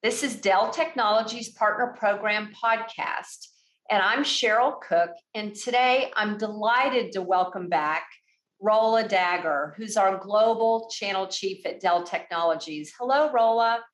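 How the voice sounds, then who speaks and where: Effusive woman podcast host, roomy sound. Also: mid-range voice. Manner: warmly effusive, polished and measured. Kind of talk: corporate podcast interview. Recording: roomy echo.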